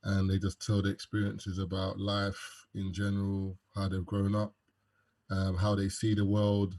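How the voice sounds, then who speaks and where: A young man with a London accent chats casually as a podcast guest in an interview, laid-back and joking with lots of fillers. His voice is low-pitched, completely flat, a little slow and a little mellow.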